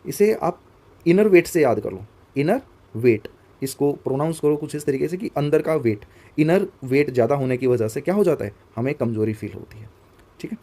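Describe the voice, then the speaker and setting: A young man leads a vocabulary lesson for exam students. His voice is mellow and dark in tone. He talks casually, pausing to spell words out letter by letter and asking viewers to comment. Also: a little high, lively intonation. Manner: conversational, asks viewers to comment. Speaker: teacher.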